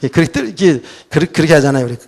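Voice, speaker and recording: A middle-aged man, a pastor, telling a personal story in a sermon, swinging between loud outbursts and soft, low asides. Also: expressive, rapid-fire, vocal fry. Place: church sanctuary.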